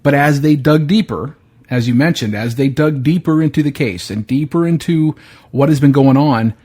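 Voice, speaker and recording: Chatting casually on his podcast, this man has a slightly rough, somewhat mellow voice on the high side, delivered at a moderate pace. He gives blunt opinions, curses without restraint, and frequently starts sentences over.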